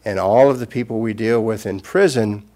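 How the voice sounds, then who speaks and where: With a fairly low voice, an older Buddhist teacher offers a Dharma talk that isn't scripted. His manner is gentle and thoughtful, and he pauses as he speaks.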